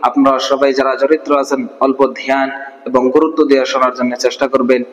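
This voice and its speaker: A man's voice: medium pitch, flat delivery, reverberant, in a large hall, highs cut off. A man teaching a Quran reading class, asking and answering his own questions and drawing out verses syllable by syllable. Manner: question-and-answer drilling, slow syllable-by-syllable recitation. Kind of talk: online Quran recitation class.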